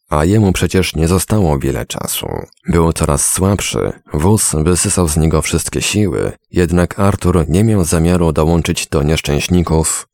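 Male audiobook narrator, extremely low bass with gravel, expressive rise and fall, dry close sound. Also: dry recording. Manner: measured, dramatic storytelling. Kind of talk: scripted narration.

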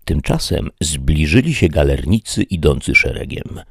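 A man narrating an audiobook of a classic novel in an expressive, measured way. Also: extremely low pitch, gravelly, breathy edge, no room sound, clean studio sound.

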